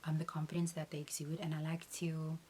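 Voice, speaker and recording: A young woman, a beauty creator, answers viewer questions in a low, steady voice. Her delivery is earnest and measured, with an occasional "um" between points. A faint hiss runs beneath the recording.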